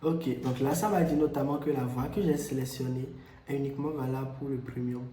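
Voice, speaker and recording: A man presenting a software tutorial, explaining steps with frequent hesitations and repeats. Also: medium pitch, fairly even intonation, a little fast, slight background noise. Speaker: tutorial host. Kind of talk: screen-recorded software tutorial. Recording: echoey room.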